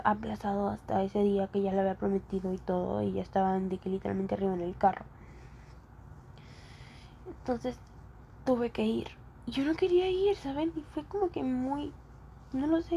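A woman's voice: on the high side, vocal fry, warm tone, slight background noise. A young woman in a confessional monologue as a podcast host, rambling and hesitant with many filler phrases.

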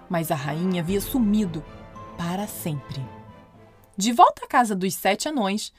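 A woman narrating a children's fairy tale in an expressive, playful way. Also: medium pitch. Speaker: storyteller. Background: soft music.

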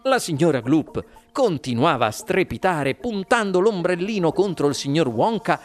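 A male audiobook narrator telling the story with dramatic build-up and a lively, varied pitch. Soft music sits under his reading. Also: moderate pace. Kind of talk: scripted narration.

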